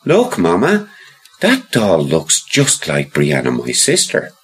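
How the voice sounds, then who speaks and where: A man's voice: deep voice, huge pitch swings, takes it slowly, breathy edge, exaggerated voice. A man voicing a young boy who is earnest and sweetly scheming, with a pleading, wheedling way of asking.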